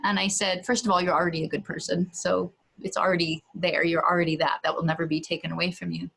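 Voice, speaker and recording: A woman with a fairly low voice speaks earnestly as a guest, telling a story from her own life. She reflects at an unhurried pace and sometimes acts out dialogue with her child, lifting her voice for those lines. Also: level tone, gravelly, a bit bright, breathy edge, low-quality recording.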